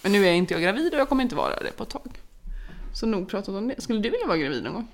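A woman's voice: mid-range voice, very animated. A woman in her thirties, a mother and podcast co-host, chatting casually and acting out quotes as she tells family anecdotes. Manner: chatty storyteller, acts out quotes, laughs often. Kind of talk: casual chat.

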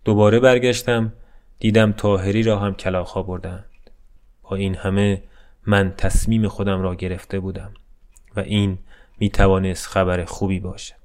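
Man reading a short story, low and even, subdued, faint music under it. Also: clean tone. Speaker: narrator. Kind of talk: scripted narration of a short story.

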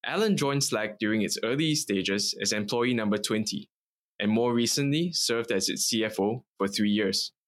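A man's voice: fairly low pitch, normal speed, a bit bright. Upbeat man hosting a podcast. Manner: enthusiastic, scripted introduction. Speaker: podcast host. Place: office.

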